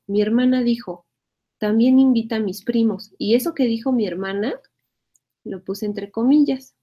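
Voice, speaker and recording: A woman's voice: mid-range voice, dark tone. A woman teaching a spelling lesson, explaining patiently, repeating phrases and checking in with her students.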